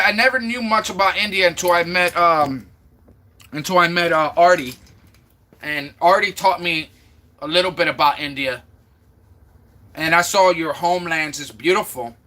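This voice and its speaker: A man's voice: sits high, sharp tone. A man from Florida chatting casually on a live stream, talking to viewers and sounding out their names over and over. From Florida, USA.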